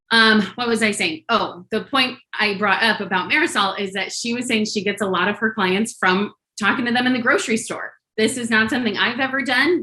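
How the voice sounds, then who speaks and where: A woman's voice: mid-range voice, bright, forceful tone, poor audio. A woman hosting a group coaching call online, chatty and encouraging, with lots of fillers and restarts. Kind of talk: casual coaching talk to a group.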